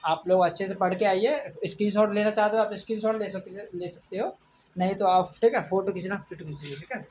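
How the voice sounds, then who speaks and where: A man teaching an English grammar lesson, reading out examples slowly and repeating a filler after nearly every phrase. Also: sits high, a little mellow. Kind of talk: classroom lecture. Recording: distant mic with faint background noise.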